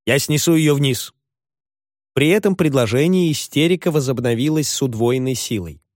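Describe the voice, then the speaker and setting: A man reading a novel aloud in measured, expressive narration. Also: medium pitch, no echo, clean studio sound. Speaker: audiobook reader. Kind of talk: scripted narration.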